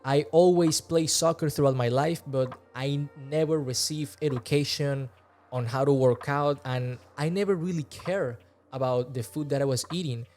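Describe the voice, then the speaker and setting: A Venezuelan fitness vlogger in his twenties talks earnestly to camera in his second language, his Venezuelan Spanish accent clear, his hands gesturing as he speaks. He sits close to a large studio mic in a small room, his voice medium in pitch at a moderate pace, with faint music in the background. The casual talk feels relaxed.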